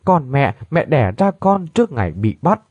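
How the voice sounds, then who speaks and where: A man's voice: medium pitch, sing-song, moderate pace, a little mellow, no room sound, dull audio. A man voicing a grieving middle-aged mother who tells her story through sobs in a read-aloud tale. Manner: sobbing, trembling lament.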